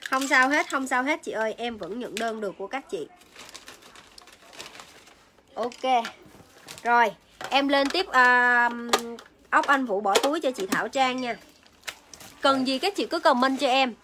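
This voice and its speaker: A woman's voice: sits high, measured pace, pauses often, bright, forceful tone, slight background noise. A young woman selling on a phone livestream in an indoor shop, chatting casually to viewers and repeating her phrases. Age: young adult. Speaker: livestream seller. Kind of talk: casual live sales chat. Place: indoor beauty shop room. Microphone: phone at arm's length.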